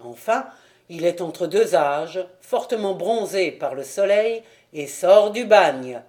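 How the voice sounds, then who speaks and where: A man reading the part of a sharp-minded amateur detective who speaks in a calm, assured way. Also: high voice. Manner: assured, measured.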